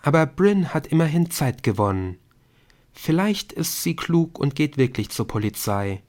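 A man's voice: fairly high pitch, very animated, a little slow, a little mellow, voice pushed up. A man reading an audiobook, voicing a thoughtful teenage girl who talks in a level, matter-of-fact way. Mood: calm.

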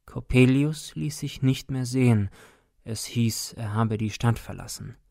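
A man reading a classic tale aloud in a measured, solemn and dramatic manner. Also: mid-range voice, vocal fry, a little mellow, no room sound, clean studio sound. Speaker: audiobook reader. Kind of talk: scripted narration of a classic tale.

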